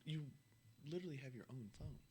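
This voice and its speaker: A man's voice: on the high side, lively intonation, quick pace. A man, a player at the table, joking and teasing in casual banter. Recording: noisy room recording.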